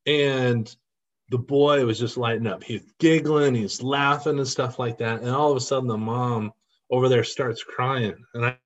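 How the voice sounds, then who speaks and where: An earnest man shares stories as a podcast guest, his voice at a middling pitch. He talks with feeling, growing emotional as he goes. The recording sounds a little dull and lo-fi. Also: steady tone, measured pace. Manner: earnest, emotional when recounting. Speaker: podcast guest, costumed volunteer. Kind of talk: storytelling in an interview.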